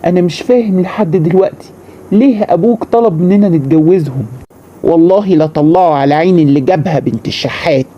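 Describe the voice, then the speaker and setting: Brief: male actor as arrogant young Egyptian groom, mocking, slightly raised pitch, dull recording. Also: quick pace, mellow, lightly acted. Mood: irritated. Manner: irritated, mocking. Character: annoyed arrogant young groom, rich son.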